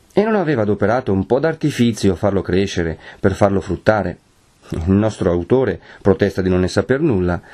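A man reading a classic novel aloud as audiobook narration, in a measured, expressive way. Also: on the low side. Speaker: audiobook reader.

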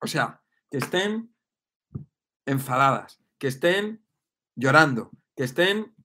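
A man's voice: mid-range voice, animated, takes it slowly, sharp tone. A man giving an emphatic, repetitive motivational monologue. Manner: emphatic and repetitive, often asking "¿ves?" and "¿vale?". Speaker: speaker on personal growth.

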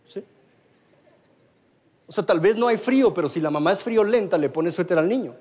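A man's voice: high voice, animated, normal speed, darkish tone, slightly rough. A man in his thirties with a Guatemalan accent, preaching a story-driven sermon to a live congregation and the online audience, often repeating and restarting words. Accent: Guatemalan Spanish. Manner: storytelling, with many repetitions and restarts.

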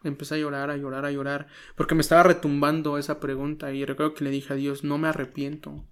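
A man, a pastor telling an emotional personal testimony in an interview, earnest and halting, often dropping to a hush. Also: a little high, level tone, clear, resonant tone. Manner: earnest, halting, many restarts, drops to a soft voice when quoting prayers.

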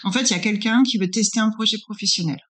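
A woman in her forties from northern France speaks quickly in a medium-pitched, fairly bright voice. As a business incubator consultant being interviewed, she answers questions conversationally and checks in with the interviewer as she goes.

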